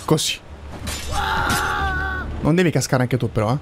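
A man's voice: medium pitch, lively intonation, moderate pace. A man giving casual, colloquial gameplay commentary, talking to himself and swearing freely. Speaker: gaming let's-player. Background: game music.

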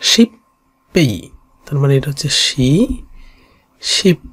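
A teacher with a Bangladeshi Bengali accent leads a kanji lesson, saying each reading twice and walking through the strokes. The voice is dark and mellow at a middling pitch. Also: lively intonation. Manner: repeats each reading slowly, explains stroke by stroke.

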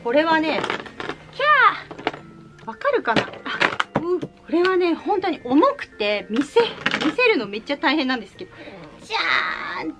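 A bubbly woman talks through her recent purchases in an easy, chatty way. Her voice sits high and swoops up and down, lively and expressive. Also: normal speed, very noisy. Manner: bubbly and chatty, cheerful "jaan" reveals. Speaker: vlogger showing recent purchases. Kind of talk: casual haul video chat.

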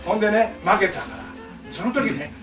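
An older man with a Kansai accent tells a comic story in an animated way, slipping into the voices of the people in it. His voice sits high and swings widely. He is picked up from some distance in an echoing room, with music playing behind him. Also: fairly quick. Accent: Kansai Japanese. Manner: animated, acts out voices, laughs through lines. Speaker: painter telling stories to a small audience.

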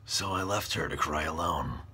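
A man's voice: a bass voice, normal speed, sharp tone, husky. A man delivering short comedy skit lines in a dry, matter-of-fact way.

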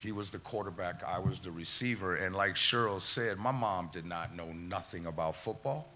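A middle-aged man giving an emotional eulogy for his mother at a church memorial, halting and telling stories. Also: deep voice, pushed and bright, slight background noise. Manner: halting, tearful storytelling, quoting his mother. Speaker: eulogy speaker, son of the deceased.

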